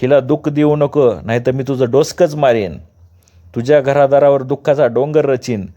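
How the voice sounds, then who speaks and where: Guy doing a fierce outlaw boss barking threats, mellow low tone, dull lo-fi sound. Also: normal speed, close to an everyday voice. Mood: stern. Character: fierce male outlaw chief, commanding.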